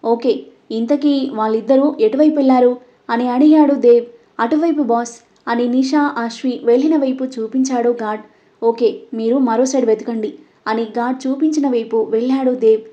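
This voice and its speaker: Woman reading an audio story, warm mellow voice a bit on the high side, dull lo-fi sound. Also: steady tone, brisk. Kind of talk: scripted audio story narration.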